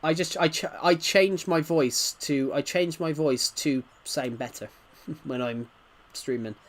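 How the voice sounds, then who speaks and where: A man with a voice on the high side hosts a casual gaming livestream at an unhurried pace. He answers viewer comments in a rambling, stuttering way.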